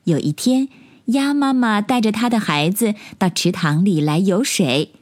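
A young woman narrating a children's bedtime story slowly and gently. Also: mid-range voice. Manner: slow, lilting, gentle.

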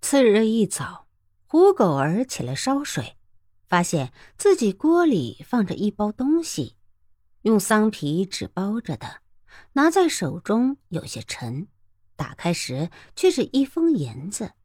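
A woman narrating a storybook novel in a lively, expressive way. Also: medium pitch, takes it slowly, no room sound, clean studio sound. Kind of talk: audiobook storytelling.

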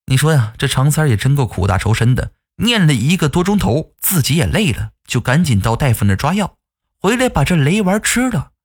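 A man's voice: on the high side, sing-song, fairly quick, breathy edge. A man narrating a spooky folk tale in a chatty, folksy way, with asides to the listener. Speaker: storyteller.

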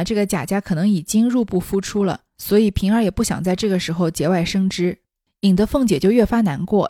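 A woman's voice: medium pitch, dark tone, no echo, studio quality. A woman reading a classic novel aloud and explaining it in conversational asides. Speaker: storyteller.

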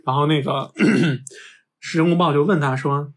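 A man's voice: fairly high pitch, a little slow. A man hosting a podcast, casually and animatedly retelling an old story. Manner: animated storyteller, many restarts. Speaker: podcast host.

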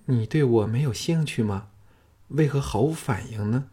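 A male narrator voicing a tender, wistful young palace consort in a raised, hushed voice. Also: mid-range voice, moderate pace, breathy edge, close to an everyday voice.

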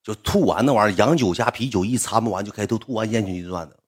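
Brief: rapid, husky Northeastern Chinese man, rough-spoken livestream storyteller. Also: lowish voice. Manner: rambling, rough-spoken, swings loud when animated. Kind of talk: casual storytelling to a live audience.

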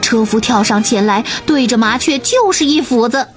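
A woman narrating a children's bedtime story, gentle, clear and expressive. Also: a little high, moderate pace. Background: soft music.

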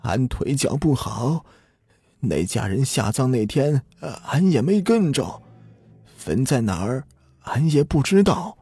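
A man's voice: medium pitch, wildly swooping pitch, normal speed, vocal fry, warm tone, slightly rough, dry recording, pitched above the performer's own voice, full character voice. A man voicing a lame, half-mad old village man who mumbles tearfully that he is innocent. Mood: mumbling tearful. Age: older.

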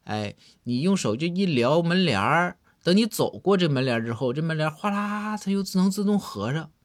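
A man voicing a sly, earnest judge who speaks softly and deliberately in a comic story. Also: fairly high pitch, expressive, no room sound, clean studio sound, pitched above the performer's own voice, lightly acted.

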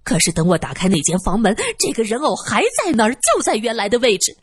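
A woman's voice: on the high side, very animated, fast, breathy edge, no echo. A woman voicing a frightened young male film star who stammers in panic. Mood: shaken.

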